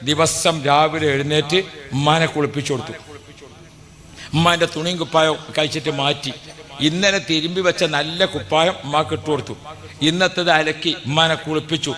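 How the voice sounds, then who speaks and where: A man's voice: a little high, sharp tone, in a large hall. A man, an Islamic preacher giving a humorous sermon, emphatic, repeating phrases and asking the audience questions.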